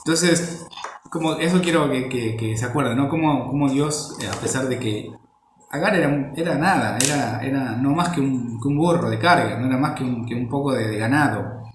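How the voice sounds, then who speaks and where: A man's voice: medium pitch, normal speed, roomy sound, a little hiss or hum. A man giving an informal Bible teaching, rambling and repeating words as he searches for the next phrase.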